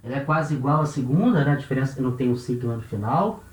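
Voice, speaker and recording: A man's voice: medium pitch, animated, fast, darkish tone. A man with a Brazilian Portuguese accent teaching Ancient Greek grammar, explaining step by step and counting syllables aloud. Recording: roomy echo, voice off-mic.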